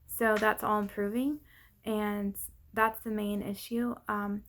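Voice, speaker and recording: Breathless woman with a creaky voice. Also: mid-range voice, little pitch movement, fairly bright tone, a little hiss or hum. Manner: halting, trailing off and losing her thread. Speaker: vlogger giving a personal update. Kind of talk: casual unscripted update to followers.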